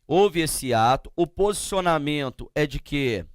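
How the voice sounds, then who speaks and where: A man teaching a grammar lesson, explaining slowly and often asking the class to check they follow. He speaks with a Brazilian Portuguese accent. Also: on the high side, lively intonation, smooth, dry recording, clean studio sound. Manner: slow, drawn-out explanations with frequent checking questions.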